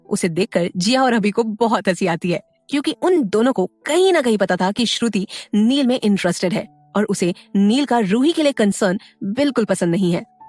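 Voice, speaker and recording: Female narrator for an audio serial, expressive, dry close sound. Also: medium pitch, no echo. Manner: storytelling, expressive.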